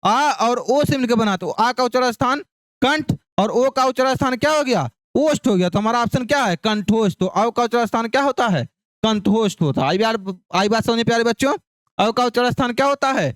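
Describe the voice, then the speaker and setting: A man's voice: extremely high pitch, animated, a little fast, no echo, studio quality. A male teacher giving an exam-prep phonetics lesson, drilling syllables over and over in call-and-response and asking questions he answers himself. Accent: Hindi.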